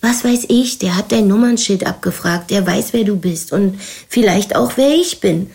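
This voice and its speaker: A woman's voice: medium pitch, moderate pace, creaky, a little mellow, close to an everyday voice. Reader voicing a bossy hard-pressed man, curt orders, audiobook. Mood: tense.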